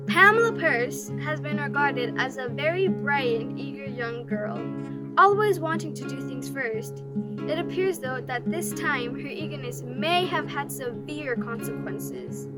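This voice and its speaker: Actress as a high-voiced, formal news anchor over loud music. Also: female voice, lively intonation, unhurried. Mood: solemn. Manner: solemn, formal newsreader delivery. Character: earnest TV news anchor reporting live. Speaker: actor in a stage production. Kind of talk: mock news report.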